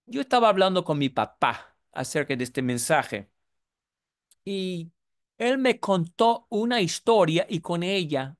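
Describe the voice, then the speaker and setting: Slow, lively older male preacher. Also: fairly high pitch. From United States. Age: 70s. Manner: storytelling, earnest. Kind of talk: sermon.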